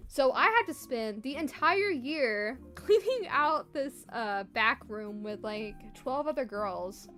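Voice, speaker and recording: A woman's voice: sits high, lively intonation, a bit bright. A young woman streamer telling a long story in casual, rambling chat, full of "like" fillers. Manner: fast rambling, frequent "like" fillers. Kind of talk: casual storytelling while drawing. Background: lo-fi music.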